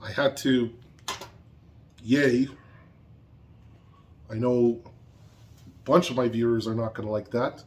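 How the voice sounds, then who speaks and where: A man's voice: mid-range voice, steady tone, takes it slowly, long pauses. A man angrily ranting in a vlog, swearing constantly and repeating points for emphasis. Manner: angry, profane, heated. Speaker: vlogger.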